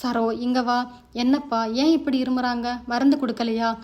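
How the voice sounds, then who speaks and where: A woman tells a family story aloud, carrying narration and dialogue alike in one steady storytelling voice. Her voice sits a little higher than most women's. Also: measured pace. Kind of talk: narrated family story, reading all the parts.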